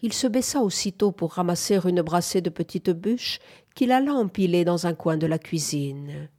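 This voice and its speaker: Woman reading an old novel aloud, low mellow voice, steady and even. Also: moderate pace. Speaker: audiobook narrator. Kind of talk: literary audiobook narration.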